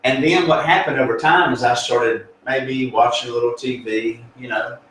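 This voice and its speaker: Male pastor, earnest and folksy, mid-pitched, heard from across a reverberant room. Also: normal speed, a bit bright, slight background noise. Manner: earnest, folksy, with many fillers and restarts. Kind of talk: conversational spiritual teaching. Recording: echoey room, distant mic, faint ambience.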